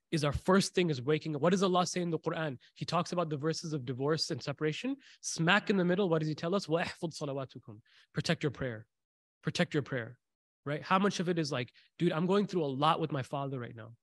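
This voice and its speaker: A man's voice: fairly high pitch, no room sound. A man teaching a religious class who tells stories, repeats key phrases for emphasis, asks his listeners questions and recites short Arabic passages. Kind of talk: faith class talk with storytelling.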